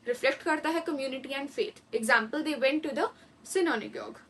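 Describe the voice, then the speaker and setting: A woman teaching exam vocabulary, reading English definitions slowly and explaining them quickly in mixed Hindi and English. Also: high voice, fairly bright tone, recorded from a distance, a little hiss or hum, low-quality recording. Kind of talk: exam-prep vocabulary lesson.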